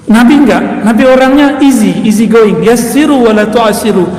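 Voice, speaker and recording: A man preaching a sermon in a relaxed, conversational way, often addressing his listeners directly. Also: extremely high pitch, normal speed. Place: echoing hall. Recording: echoey hall recording.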